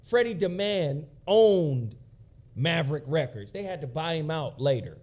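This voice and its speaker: A man in his forties hosting a casual chat, telling profane, animated stories and mimicking people. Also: fairly high pitch, a little slow. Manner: animated, profane, acts out quoted voices. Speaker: podcast host.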